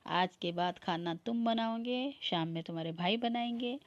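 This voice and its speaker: A woman voicing a bossy, quick-tempered young sister-in-law in a comic family skit, scolding and indignant. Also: medium pitch, no echo, muffled recording, natural voice.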